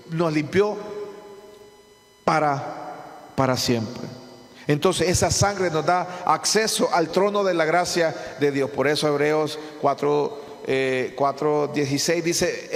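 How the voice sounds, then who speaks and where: A man preaches in a high voice, leaning on rhetorical questions and repetition and often stumbling over his restarts. His sermon rings with a long hall reverb, as if from a church hall. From Honduras. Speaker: pastor.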